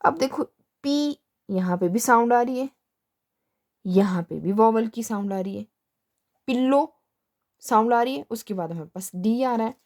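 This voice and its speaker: A woman's voice: fairly high pitch, a little slow, pauses often, darkish tone. A young woman teaching shorthand step by step, patiently asking questions and then answering them herself. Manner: patient, repeats "ठीक है" and asks herself questions. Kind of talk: step-by-step classroom explanation.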